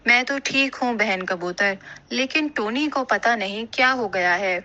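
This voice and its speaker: A young female cartoon character worried about her friend, voiced by a woman. She speaks earnestly and with concern in a bright, slightly high voice. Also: highs cut off. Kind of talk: animated cartoon voice acting.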